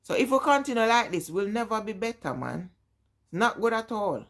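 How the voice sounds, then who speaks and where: Very animated and a little fast, a Jamaican woman in her forties addresses her live-stream viewers head-on in a Jamaican accent. Her medium-pitched voice is casual yet emphatic as this vlogger keeps repeating what she means.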